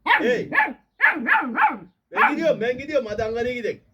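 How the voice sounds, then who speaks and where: A man's voice: extremely high pitch, sing-song, a little fast, vocal fry. A man, a farmer playfully scolding and coaxing his puppy outdoors on a farm. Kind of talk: casual vlog, talking to a dog. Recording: loud background noise, dog barking.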